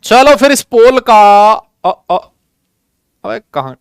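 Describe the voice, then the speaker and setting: A man's voice: sits high, lively intonation, slow, creaky, clear, resonant tone, no room sound. A young man teaching chemistry in a live online class, chatty and jokey, calling students beta as he runs polls.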